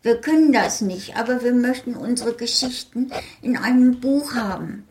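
A woman putting on the high voices of tiny fairy folk. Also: normal speed, slight background noise, lightly acted. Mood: eager. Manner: high, bright and excited.

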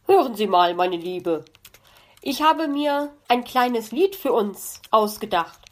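A woman's voice: fairly high pitch, lively intonation, slow pace. A woman voicing a genial, polite male fox baking cookies in a children's audiobook. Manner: courteous, amused and warm.

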